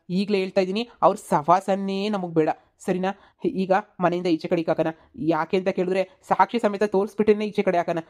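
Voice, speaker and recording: A woman voicing a young village man in a cartoon comedy, a scheming son who talks briskly and persuasively. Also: fairly low pitch, a little mellow, lightly acted.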